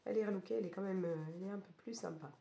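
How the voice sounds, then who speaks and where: A woman chatting casually in a craft vlog, her voice hoarse and cracked from a cold. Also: mid-range voice, rapid-fire, warm tone, muffled recording. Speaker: craft vlogger. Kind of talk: casual vlog chat about colouring. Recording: roomy echo, faint background noise.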